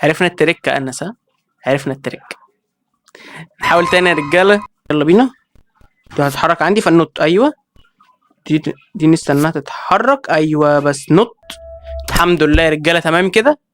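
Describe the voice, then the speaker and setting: A man with an Egyptian accent giving excitable let's-play commentary, reacting with quick exclamations and talking straight to his viewers. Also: a little high, a little hiss or hum. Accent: Egyptian Arabic. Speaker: gaming video creator.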